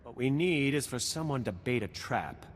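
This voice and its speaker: A man with a medium-pitched, natural voice plays a serious, beleaguered soldier at an outpost in a sci-fi video game. He sounds animated, worried and urgent at a moderate pace. The recording has a reverberant hall sound and noisy game ambience.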